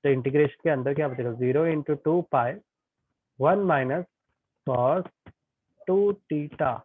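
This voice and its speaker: A man's voice: mid-range voice, takes it slowly, husky, no echo. A male tutor teaching an online physics class, chatty and often checking that students follow. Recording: tinny phone-like online class audio.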